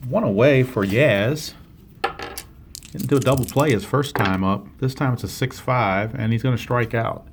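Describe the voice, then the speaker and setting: A man's voice: medium pitch, slight background noise. Man calling a tabletop baseball game. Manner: steady, explains each dice roll, self-corrects. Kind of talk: play-by-play commentary of a tabletop game.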